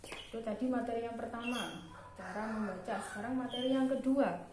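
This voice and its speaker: A young woman teacher patiently explaining a primary school math lesson step by step. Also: fairly high pitch. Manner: slow, patient explaining with frequent "nah". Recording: echoey room with background noise.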